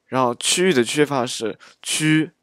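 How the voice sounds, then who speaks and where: A man walks through dialect sounds one by one in a very slow, halting way, often pausing on filler sounds. His voice sits at a middling pitch. The recording is dry and close, with no room sound. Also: a bit bright, no room sound. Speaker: dialect teacher. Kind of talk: pronunciation lesson.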